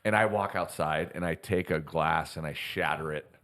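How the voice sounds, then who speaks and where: A man's voice: rumbling low, normal speed. A middle-aged man co-hosting a podcast, telling stories in casual chat and laughing as he goes. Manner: animated storyteller, laughs through stories. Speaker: podcast co-host.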